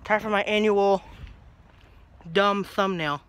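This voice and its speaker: A man's voice: high-pitched, fairly even intonation, takes it slowly, a bit bright, clean tone. A young man in his twenties talking casually to his phone at arm's length outdoors, rambling and easily sidetracked. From New Jersey. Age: young adult. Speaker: vlogger. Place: outdoors by a brick house in a grassy yard. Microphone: phone held low at arm's length.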